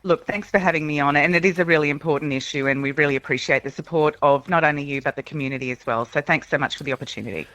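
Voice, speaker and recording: A woman's voice: deep voice, very fast, few pauses, a bit bright, no room sound. An Australian woman answering radio interview questions as a union president, hesitant and full of fillers. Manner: hesitant, full of "you know" and "um".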